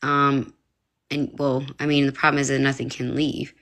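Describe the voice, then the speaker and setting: A woman's voice: rumbling low, level tone, normal speed, a bit bright. A woman guest giving spiritual advice on a live stream, speaking in a matter-of-fact, instructive way.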